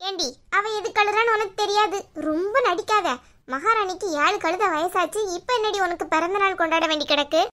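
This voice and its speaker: A woman voicing a scheming, domineering middle-aged aunt in a cartoon, talking in a bossy, scornful way. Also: bright, forceful tone. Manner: bossy, scornful, low and slow. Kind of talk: cartoon voice acting.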